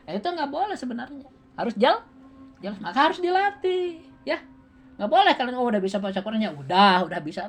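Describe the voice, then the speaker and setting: A woman with a Sundanese-tinged Indonesian accent teaching Quran recitation in a classroom lesson. She quizzes her students, counts out beats aloud and laughs often. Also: on the low side.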